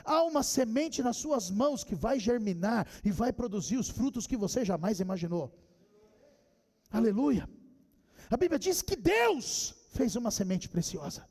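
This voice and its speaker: A very high-pitched man with a Brazilian Portuguese accent delivers an impassioned sermon. His voice climbs to shouts on quoted lines. The sound rings with the long reverb of a church hall. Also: very animated, measured pace. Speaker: pastor.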